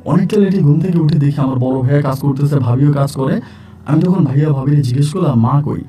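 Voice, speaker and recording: A man recounts a supernatural tale in the first person, repeating lines for effect. His voice is pitched a bit high yet sounds very mellow and dark. He sits away from the mic while faint music plays beneath. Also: fast talker, recorded from a distance. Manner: repetitive, dramatic retelling, addresses listeners. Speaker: storyteller.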